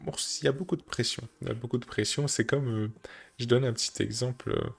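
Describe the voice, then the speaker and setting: A man talking casually to camera, thinking aloud with many fillers and restarts, seated indoors on a creaky chair. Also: mid-range voice, steady tone, fast talker. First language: French. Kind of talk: casual reflective monologue.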